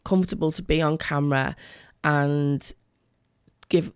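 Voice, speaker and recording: A middle-aged woman with a creaky voice, talking earnestly and emphatically as a guest in a radio interview. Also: low voice, steady tone, measured pace, dry recording, clean studio sound. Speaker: education worker, interview guest.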